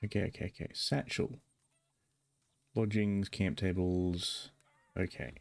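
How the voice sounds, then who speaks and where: A man's voice: low voice, steady tone, slow pace, gravelly, a little mellow. A man giving chatty, jokey commentary while livestreaming a video game. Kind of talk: casual gaming commentary.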